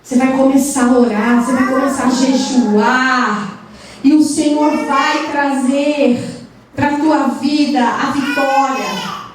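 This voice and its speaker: High, fervent woman preaching in an echoey hall. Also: fairly even intonation, distant mic, slight background noise. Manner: fervent, pleading, drawn-out and chanting. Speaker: missionary preacher. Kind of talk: fervent prayer from the pulpit. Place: church hall.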